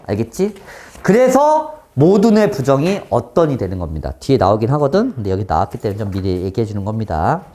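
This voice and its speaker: Animated, dark-toned man teaching math. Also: medium pitch. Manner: keeps checking in with students, switching between polite and blunt speech; sudden loud exclamations. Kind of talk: classroom math lecture.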